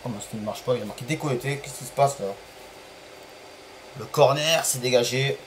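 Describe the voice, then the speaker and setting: Chatty French streamer, excited match calls. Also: male voice, medium pitch, brisk, a little hiss or hum, low-quality recording. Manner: chatty, apologetic about stream bugs, excited calls of goals and penalties. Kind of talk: live gameplay commentary.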